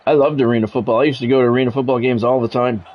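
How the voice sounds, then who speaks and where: In dull audio, a middle-aged American man with a mid-range, steady voice races through his sports video game stream. His relaxed chatter keeps breaking into punchy, announcer-like play-by-play.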